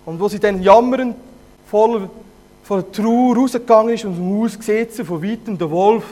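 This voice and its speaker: A man with a Zurich Swiss German accent casually retelling a fairy tale, lively, with hesitations. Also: sits high, normal speed. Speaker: storyteller.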